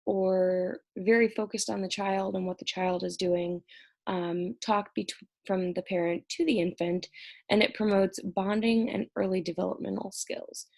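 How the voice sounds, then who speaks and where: Recording an exam review lecture at home, this young college instructor explains things in a conversational teaching style. Her medium-pitched, slightly mellow voice has vocal fry, a steady tone, and an unhurried pace. She comes across as stressed and short on sleep.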